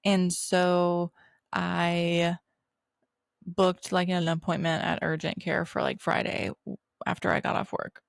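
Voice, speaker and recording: A woman's voice: lowish voice, flat delivery, takes it slowly, vocal fry, dry recording, studio quality. A young adult woman hosting a podcast, telling a personal story in a casual, chatty way with lots of "like" and laughter. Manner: chatty, heavy use of "like", laughs while telling stories. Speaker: podcast host.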